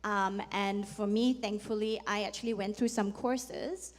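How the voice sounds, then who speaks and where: A woman's voice: medium pitch, steady tone, measured pace. A woman who founded a company, talking frankly and conversationally on a panel. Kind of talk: panel discussion. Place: conference hall. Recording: long reverb in a conference hall.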